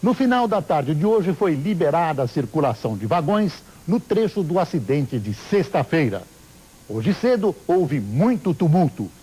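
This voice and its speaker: Brazilian male anchor, scripted headlines, slightly high voice with lively intonation. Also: breathy edge. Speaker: TV news anchor. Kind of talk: scripted news reading.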